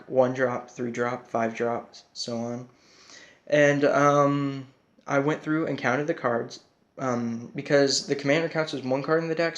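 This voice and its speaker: A man speaks in a medium-pitched voice that stays quite flat. His S sounds carry a noticeable whistle. He explains a card game deck informally, a little hesitant and self-conscious, like a casual hobby presenter.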